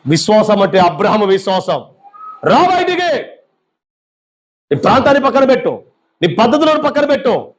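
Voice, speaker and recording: A male pastor preaching a fervent sermon, firing off rhetorical questions at his congregation. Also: very high voice.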